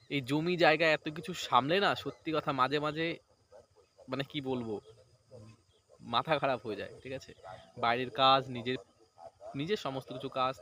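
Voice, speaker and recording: A man's voice: medium pitch, bright, forceful tone. A man, chatting casually in a vlog outdoors beside a paddy field. He rambles and keeps checking in with "right?". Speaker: vlogger.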